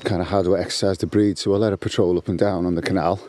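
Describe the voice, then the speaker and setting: Birdsong plays as a man walks his dog on a canal towpath, racing through a casual, rambling talk with frequent restarts and filler words. He's a guest contributor with a low, dark voice and fairly even intonation, recorded dry.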